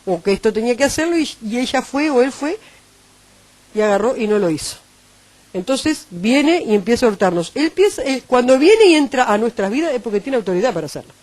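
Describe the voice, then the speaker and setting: A woman with a Uruguayan Spanish accent preaching a sermon, animated and acting out the voices she quotes. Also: on the high side, a little fast, no echo.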